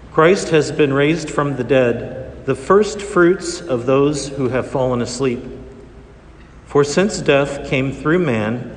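Priest guy reading in church, slow solemn delivery, big cathedral echo hanging on every word. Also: mid-range voice. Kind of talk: liturgical reading and homily. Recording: echoey church hall reverb.

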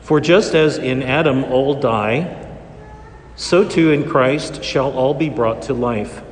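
A priest giving a liturgical reading and homily in a measured, solemn way, his voice ringing with cathedral echo. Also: medium pitch, slight background noise. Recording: echoey church hall reverb.

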